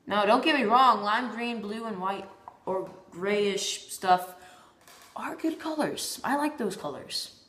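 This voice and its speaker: A woman talks straight to camera in a loose, rambling vlog, tripping over her words and circling back on them. Her pitch sits in an ordinary middle range. The room around her is bare and echoey. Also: expressive, takes it slowly, fairly bright tone. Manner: rambling, stumbles and repeats words. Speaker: vlogger. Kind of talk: casual rambling monologue.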